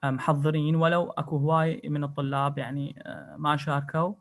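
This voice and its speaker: Iraqi guy teaching english over a video call, kinda higher voice, switches between arabic and english, slows way down on the english bits. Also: flat delivery. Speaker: English lecturer. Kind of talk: online lecture.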